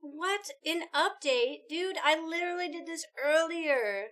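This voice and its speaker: A woman's voice: very high-pitched, animated, unhurried, fairly bright tone. A young woman streamer chatting casually while setting up her stream. She is laid-back, laughs often and swears freely.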